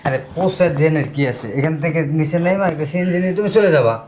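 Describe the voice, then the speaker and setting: A man's voice: on the high side, expressive, fast, background noise, natural voice. A man playing a pushy, selfish young fiancé, insistent and dismissive. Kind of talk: amateur short-film acting.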